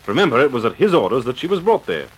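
Lamont Cranston, an animated gentleman sleuth. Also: medium pitch, racing, slightly rough. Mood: assured, measured. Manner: assured, decisive, suave. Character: confident, urbane gentleman amateur sleuth. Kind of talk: vintage radio drama acting. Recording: noisy vintage radio recording.

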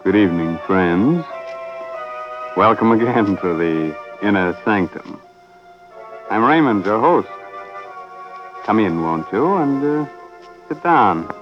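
An actor playing a courteous, sinister host of macabre radio tales, deliberate and theatrical. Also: male voice, on the low side, animated. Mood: sly, mock-uneasy. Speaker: horror show host. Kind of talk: old radio horror host and narrator. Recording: dull old radio recording with music.

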